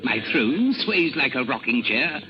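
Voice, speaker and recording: A man's voice: mid-range voice, big pitch swings, measured pace. An actor playing a wry, crafty king of France in disguise, with theatrical delivery in 1930s radio drama style. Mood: wry, testy. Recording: muffled 1930s radio broadcast with music.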